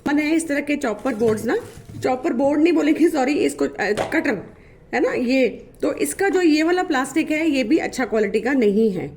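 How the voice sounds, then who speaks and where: Woman, high voice, casual vlog chatter, filler-heavy, complaining, roomy echo. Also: expressive, normal speed, a little mellow, a little hiss or hum. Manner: chatty, filler-heavy, complaining about poor product quality; showing items while talking. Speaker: vlogger. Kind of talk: casual vlog talk to camera.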